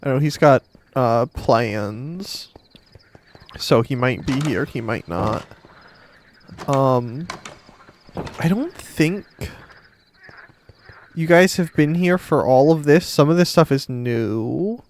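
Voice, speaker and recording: A man's voice: medium pitch, lively intonation, slow, pauses often, slight background noise. A tired man rambling casually and self-deprecatingly to his live stream chat, a little under the weather. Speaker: game streamer.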